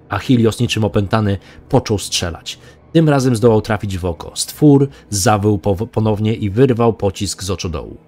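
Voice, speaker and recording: A man reading a dark fantasy novel aloud as a hobby audiobook narrator, dramatic and voicing the characters. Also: lowish voice.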